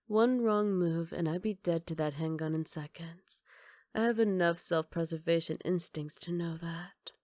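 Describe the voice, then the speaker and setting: Very close and breathy, a lowish, soft female voice plays a confident villainess for ASMR, lightly acted with coy, flirty mock courtesy. She takes her time at a normal speed, and the recording is dry.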